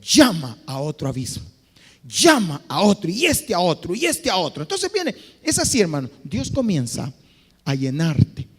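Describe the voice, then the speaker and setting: A man, a pastor, preaching an impassioned sermon, moving between loud exhortation and quiet, drawn-out phrases. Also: high-pitched, huge pitch swings, slightly rough. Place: church hall. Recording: reverberant church hall.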